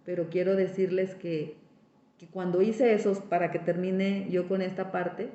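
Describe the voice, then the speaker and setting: A woman's voice: fairly low pitch, dark tone. A woman gives a spiritual recovery testimony. She talks straight to her listeners and repeats her words for emphasis. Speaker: speaker giving a recovery testimony. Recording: echoey, dull lo-fi sound.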